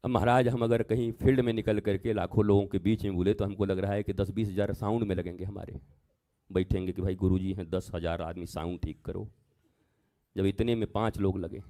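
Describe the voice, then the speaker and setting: A man giving a devotional sermon as a spiritual teacher, swinging from soft asides to loud exhortations and acting out story dialogue. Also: low voice, fairly even intonation, a little fast. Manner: acts out dialogue between figures in the story.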